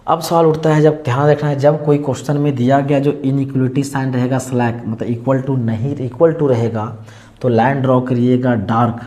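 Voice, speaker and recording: A male maths teacher lectures at the board in a mellow, dark voice. He walks through each step and poses questions to the class, then answers them himself. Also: mid-range voice, steady tone, moderate pace. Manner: explains step by step, asks and answers his own questions.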